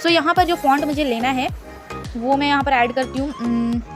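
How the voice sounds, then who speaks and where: A woman's voice: high-pitched, moderate pace, over music. A woman hosting a screen-recorded design tutorial, chatty and instructive, mixing English words into her Hindi.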